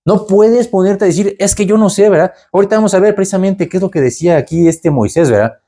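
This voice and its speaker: A man preaching a sermon in a conversational way. He keeps adding "¿verdad?" to his lines and lifts his voice to act out the people in the story. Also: fast. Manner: animated, jumps up in pitch to act out the people in the story.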